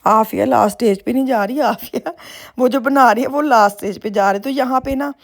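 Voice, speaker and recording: A woman's voice: on the high side, fairly quick. A middle-aged woman from Pakistan with a Punjabi accent, chatting in a rambling, homely way as she narrates her daily vlog. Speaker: vlogger. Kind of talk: casual vlog voice-over.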